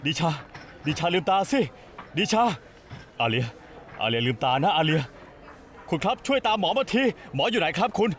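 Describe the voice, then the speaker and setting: A man's voice: a little high, big pitch swings, normal speed, pauses often, fairly bright tone. An actor dubbing an anguished young man in a TV drama, pleading frantically. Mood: desperate. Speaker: distraught son. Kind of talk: Thai dub of a TV drama.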